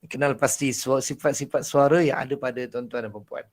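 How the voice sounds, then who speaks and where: A man with a Malaysian Malay accent and a naturally husky, breathy voice, teaching a Quran recitation class in a lively way, with frequent laughs. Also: mid-range voice, brisk. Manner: animated, laughs often, demonstrates voices. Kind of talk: online lecture.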